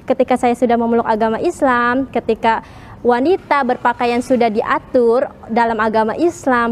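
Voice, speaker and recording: Higher-voiced woman giving a testimony. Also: slight background noise. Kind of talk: spoken testimony.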